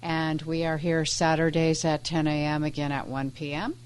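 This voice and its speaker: A woman co-hosting a radio show, upbeat, reading out phone numbers and web addresses slowly and clearly. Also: deep voice, little pitch movement. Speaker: radio co-host. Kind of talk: radio program reads and chat. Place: radio studio.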